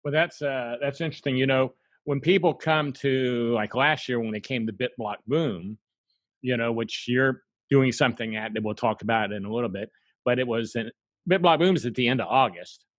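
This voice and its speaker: A man from South Carolina hosting a podcast, talking in an animated, rambling way full of asides. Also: medium pitch, moderate pace, dry recording. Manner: animated and rambling, lots of "you know" asides. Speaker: podcast host. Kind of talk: casual interview chat.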